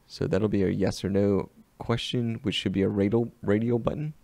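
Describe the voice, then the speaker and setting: A man with a Southern US accent giving an unhurried, step-by-step walkthrough of a web design tool in a screen-recorded tutorial. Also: fairly low pitch, steady tone, creaky, mellow, no room sound.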